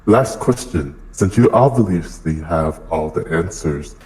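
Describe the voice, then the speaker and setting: A man voices a terse army major who answers in clipped, matter-of-fact sentences. The voice sits very low and is pushed deeper still by a voice changer. It is an amateur group reading of fan fiction. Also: expressive, slow pace, darkish tone, poor audio. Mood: stern. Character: gruff male army major, terse and sarcastic.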